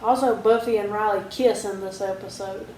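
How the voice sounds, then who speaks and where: A woman's voice: mid-range voice, moderate pace. A woman co-hosting a podcast, chatting casually and wryly while going through her notes. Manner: relaxed, wry, reads out her own notes. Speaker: podcast co-host. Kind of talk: casual chat. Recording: roomy echo, faint background hiss.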